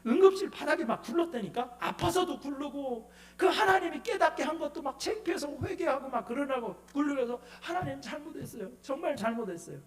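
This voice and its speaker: A man's voice: very high voice, brisk, hardly any pauses. A middle-aged man preaching a revival sermon as guest pastor, telling a personal story and acting out the voices in it. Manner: animated storytelling, acts out God's rebuke.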